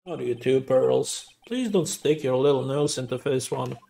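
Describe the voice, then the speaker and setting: A man's voice: mid-range voice, moderate pace, creaky, dark tone, lightly acted. A man voicing a weary young male defense lawyer in a dry, exasperated tone.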